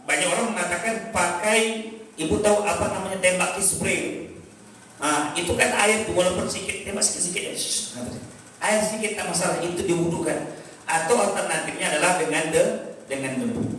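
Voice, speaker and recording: A man's voice: on the high side, a bit bright. A man preaching to a congregation, asking questions and answering them himself. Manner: addresses the congregation directly, asks and answers his own questions. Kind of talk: religious lecture. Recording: echoey hall, distant mic, faint noise.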